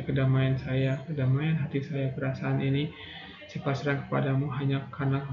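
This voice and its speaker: A man guiding an EFT tapping session, calmly repeating prayer affirmations and instructions in an echoey room. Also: mid-range voice. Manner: calm, repetitive guiding voice, says prayer affirmations. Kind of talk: guided tapping practice with spoken prayers. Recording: echoey room, dull lo-fi sound, clear background noise.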